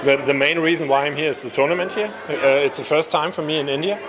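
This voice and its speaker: A man, a competitor, answering interview questions in a relaxed, halting way with many fillers. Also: a little high. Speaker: competition participant. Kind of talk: on-the-spot interview. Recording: crowd at an event.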